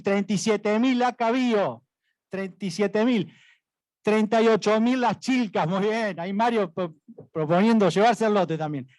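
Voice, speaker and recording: A man's voice: high-pitched, darkish tone, no echo. A man with an Argentine accent working as an auctioneer, calling out rising bids, repeating prices and prompting for more.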